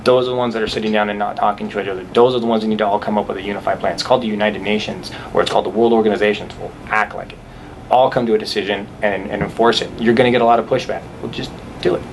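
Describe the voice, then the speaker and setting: Male interview guest, low voice, talks fast, earnest and thoughtful answers. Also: fairly even intonation, slight background noise, low-quality recording. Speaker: fighter guest.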